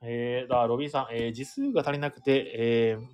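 A man's voice: medium pitch, steady tone, fairly quick, a little mellow, clean tone. A male radio show host chatting casually over an iPhone mic, with lots of fillers and laughter. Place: board game bar. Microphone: iPhone held close.

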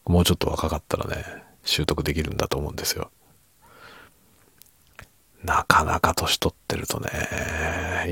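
Middle aged guy doing sleepy late night chat, super low n husky, half whispering, real slow and soft. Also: no echo. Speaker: podcast and ASMR creator. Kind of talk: hushed late-night casual chat for falling asleep.

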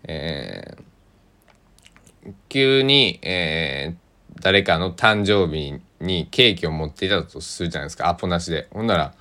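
Low-voiced man with a Kochi accent. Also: expressive. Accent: Kochi (Tosa) Japanese. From Kochi, Japan. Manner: rambling, unhurried, many hesitations and soft asides. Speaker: podcast host. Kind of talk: solo casual radio talk.

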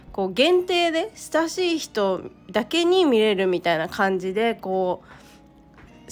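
A woman with a croaky voice, hoarse from a cold, talking casually and haltingly as the solo host of a personal podcast. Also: medium pitch. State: hoarse from a cold, throat-clearing.

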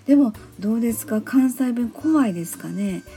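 A woman's voice: fairly high pitch, lively intonation, moderate pace, mellow, faint music behind. A woman from Osaka with a Kansai accent, hosting a casual solo talk show in a polite, chatty way with many fillers. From Osaka, Japan. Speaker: podcast host.

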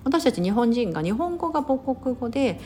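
A woman's voice: fairly high pitch, very animated, brisk, dark tone, a little hiss or hum. A woman from Osaka chatting casually on her podcast, full of fillers and self-corrections. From Osaka, Japan. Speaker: podcast host. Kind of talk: casual solo talk.

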